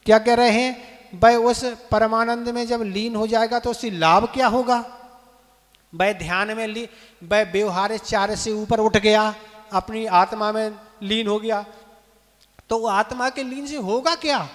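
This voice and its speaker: A man's voice: high-pitched, steady tone, normal speed. A man, a monk, teaching scripture in a temple, breaking verses into syllables for listeners to repeat and asking them questions. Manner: asks the audience questions. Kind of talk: scripture lesson, call-and-repeat recitation. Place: temple hall. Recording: reverberant temple hall, live broadcast.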